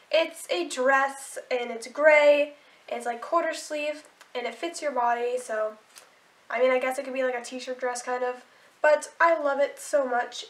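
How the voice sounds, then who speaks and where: A teenage vlogger with a high, slightly bright voice chats casually to camera in a haul video about clothes, recorded in an echoey room. She sounds bubbly despite a sore throat and stuffy nose, peppering her talk with "like" and restarts.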